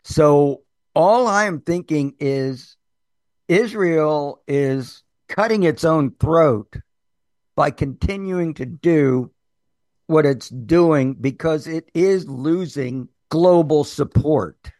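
A man interviewing a guest, asking measured questions. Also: on the high side, darkish tone, no echo, studio quality.

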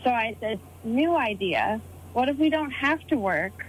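Woman in her thirties, guest, measured storyteller, higher pitch. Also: animated, slight background noise, low-quality recording. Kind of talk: casual interview answers.

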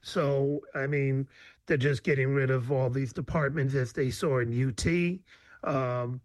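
A man's voice: mid-range voice, fairly even intonation, measured pace, no room sound. A man hosting an interview, responding casually and affirmingly with frequent fillers. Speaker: interview host. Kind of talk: conversational interview.

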